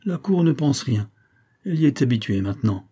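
A man reading a calm, brooding young captain. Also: medium pitch, brisk, breathy edge, pitched above the performer's own voice. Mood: guarded.

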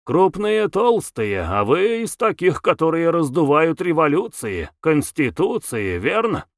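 A rude, heavy army lieutenant who barks his words and wheezes between them, as a male reader puts him on. The voice is husky and mocking. Recorded close and dry for a storybook reading. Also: fairly high pitch, big pitch swings, a little slow, no room sound, pitched above the performer's own voice. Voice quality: husky, puffing. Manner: barking, sneering. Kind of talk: audiobook character voice.

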